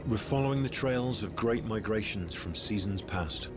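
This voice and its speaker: A man narrates a nature documentary in a lower-pitched voice. His scripted delivery is measured and tells a story, with music clearly playing underneath. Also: expressive. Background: background music.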